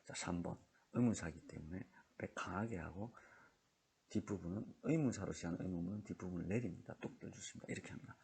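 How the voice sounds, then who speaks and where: A middle-aged male teacher giving an English lesson in slow, patient speech, modeling drill sentences for students to repeat. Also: sits low, gravelly, mellow, slightly rough. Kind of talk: classroom lecture.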